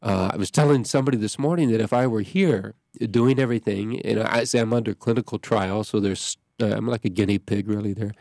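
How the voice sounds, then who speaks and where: A congested pastor hosts a casual radio chat from the studio, rambling and repeatedly breaking off to restart, his fairly low voice a little fast and mellow with vocal fry and few pauses. The sound is studio quality with no echo.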